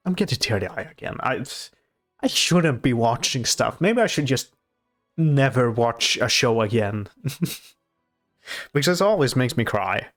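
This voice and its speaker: A man giving casual reaction commentary on a show, off camera, in a halting, soft-spoken way with many restarts. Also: medium pitch, expressive, faint music behind. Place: off-camera voice-over.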